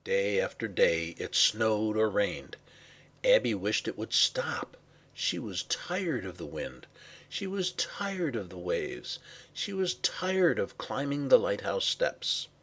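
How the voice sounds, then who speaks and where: A man reading a children's story aloud with expressive, varied pacing and some hushed passages. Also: lowish voice, slow pace, breathy edge. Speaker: narrator.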